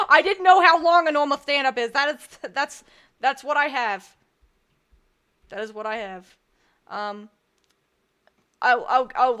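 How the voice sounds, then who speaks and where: Giggly, bright-voiced young woman streamer. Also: a little high. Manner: rambling, giggly, self-deprecating. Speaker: streamer doing stand-up. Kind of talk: casual stand-up storytelling.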